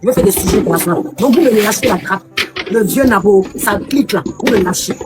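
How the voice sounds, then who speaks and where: A woman's voice: mid-range voice, fast talker, loud music behind the voice. A woman hosting a live stream, ranting combatively at her critics and repeating her points. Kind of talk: heated live stream rant.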